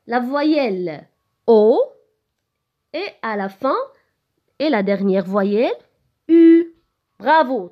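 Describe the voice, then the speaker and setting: A woman teacher with a Moroccan French accent speaks to small children in a high voice. Her pitch swoops up and down as she spells letters one by one, very slowly. The recording sounds dull and lo-fi. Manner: slow, sing-song, spelling letters one by one. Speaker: preschool teacher. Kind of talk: recorded lesson for young children.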